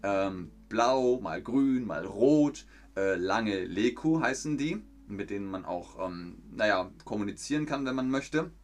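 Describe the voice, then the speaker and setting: A man's voice: lowish voice, expressive, unhurried. A man chatting casually on a live stream, reading viewer comments aloud with many hesitant fillers. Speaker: streamer hosting a fan quiz.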